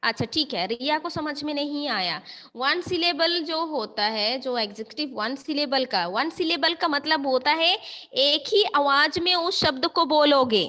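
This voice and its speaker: With a high-pitched, expressive voice and a sharp tone, a school teacher leads an online grammar lesson at a measured pace. She switches between Hindi and English, often making sure the students have got it.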